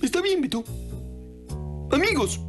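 Una mujer que dobla a un muñeco niño alegre y juguetón que guía juegos y habla a los niños que lo ven. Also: female voice, high voice, very animated, measured pace, music in the background. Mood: playful. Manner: bouncy, coaxing, talks to viewers. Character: cheerful playful puppet boy leading games. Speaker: dubbed puppet character. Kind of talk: children's TV dub.

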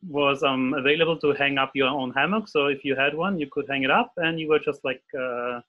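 An illustrator from Austria in his forties talks briskly in a mid-range voice with an Austrian German accent during a casual interview over video call. His speech is hesitant, packed with fillers and restarts. He sits at a desk at home, and the audio is dull.

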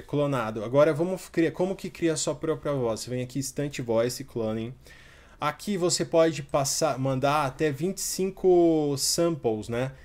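A man in his 30s with a mid-range voice hosts a casual software tutorial, talking as he clicks through a website. He uses frequent fillers.

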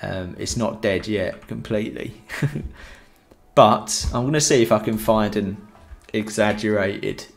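A young man wearing a headset mic gives a casual live-stream photography tutorial from a room at home, chatty and rambling with lots of fillers. His voice is on the low side with vocal fry, his pace measured, and soft music plays in the background.

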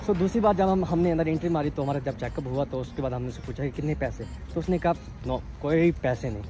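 This fairly high-pitched, quick-talking man in his twenties has a Pakistani accent and is a university student who vlogs. He chats casually to the phone at arm's length, explaining things and slipping in English words, as he moves through city streets and into shops. Music is laid over the phone recording.

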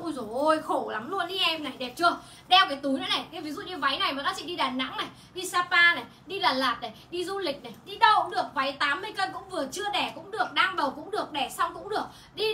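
A young woman doing a livestream sales pitch for clothes, chatty and exclaiming often. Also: pushed and bright, slight background noise. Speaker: online clothing seller. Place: indoor home shop.

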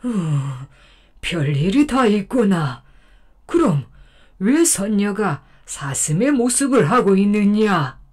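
A woman voicing a kind, gentle old grandfather who talks in a slow, drawn-out way. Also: medium pitch, big pitch swings. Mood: astonished.

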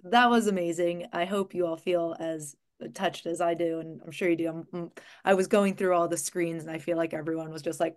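A woman co-hosting a livestream, speaking casually to her community. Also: lowish voice. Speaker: livestream co-host.

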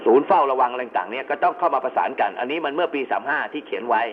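A man's voice: medium pitch, expressive, rapid-fire. A man giving an explanatory lecture as an instructor, going step by step with informal asides. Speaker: instructor in amateur radio emergency communications. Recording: narrow phone-like band with clear background noise.

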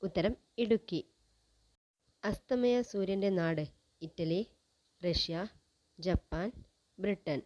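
A woman presenting a general-knowledge quiz, reading each question and its options in a measured, list-like way. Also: lowish voice, darkish tone, rough recording.

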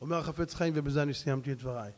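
A man, a rabbi, preaching a sermon with jokes and acted dialogue, shifting between shouts and hushed asides. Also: medium pitch.

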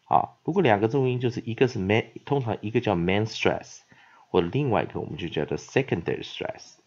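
A man teaching an English pronunciation lesson, sounding words out slowly and repeating them, with many filler sounds between phrases. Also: on the low side, lively intonation, a little mellow. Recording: dull lo-fi audio.

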